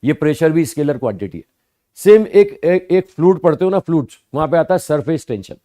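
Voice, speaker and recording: Slow, patient physics teacher, mellow voice. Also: male voice, a little high, animated. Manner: slow, repetitive explaining with rhetorical questions; addresses students as "bhaiya" and "sahab". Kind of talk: classroom lecture.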